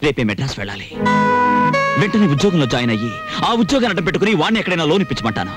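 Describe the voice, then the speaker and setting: An actor playing an excitable young man who talks in a lively, teasing way. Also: a little high, racing. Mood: excited. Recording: film soundtrack with music behind.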